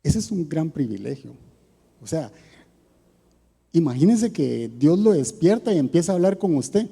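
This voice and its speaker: A man with a Costa Rican accent preaches a sermon in a chatty, questioning manner. His voice sits a little high but sounds dark and mellow. A long church reverb trails behind every phrase. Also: sing-song, moderate pace, creaky, breathy edge. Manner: conversational preaching with rhetorical questions.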